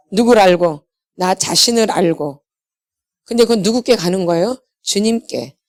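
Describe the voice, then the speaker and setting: A middle-aged woman preaching with blunt emphasis. Her voice sits in an ordinary middle range for a woman. She fires short questions at her listeners and answers them herself, circling back to the same point again and again. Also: mid-range voice. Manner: blunt and self-deprecating. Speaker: pastor's wife and healing ministry lecturer. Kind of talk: sermon.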